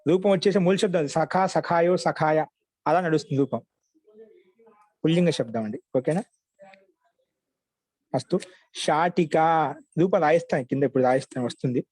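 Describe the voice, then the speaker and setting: A male teacher giving a grammar class, patiently repeating word forms slowly so students can write them down. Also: fairly high pitch, warm tone, husky, no room sound.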